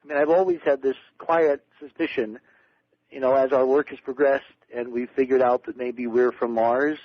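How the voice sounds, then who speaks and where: A middle-aged man, a guest on a late-night radio show, telling stories excitedly and repeating words as he gets going. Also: mid-range voice, moderate pace, dry recording. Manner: excited storyteller, repeats words when starting. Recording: dull lo-fi radio broadcast.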